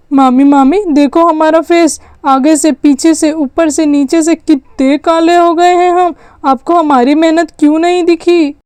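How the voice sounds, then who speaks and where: A woman's voice: high voice, mellow, smooth, no room sound. A woman voicing a whiny young boy in a doll story. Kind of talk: storytelling with dolls.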